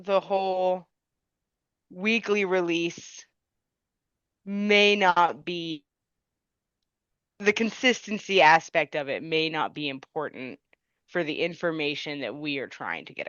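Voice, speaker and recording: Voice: mid-range voice, slow, fairly bright tone, smooth, no room sound. A podcast co-host in casual chat, matter-of-fact with a dry wit, on a dull lo-fi mic.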